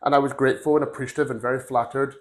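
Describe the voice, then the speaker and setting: Racing along in a medium-pitched, steady voice, a Glaswegian man in his forties describes his working life as a podcast guest. The recruitment firm founder's casual interview takes the form of rambling, earnest storytelling.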